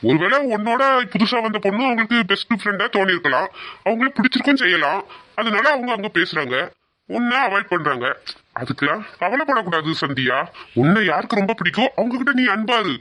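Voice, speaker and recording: A man's voice: sits high, expressive, fast, bright, forceful tone, no echo. A man voicing a kind uncle who comforts and reassures. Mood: gentle, comforting. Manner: soothing, reassuring.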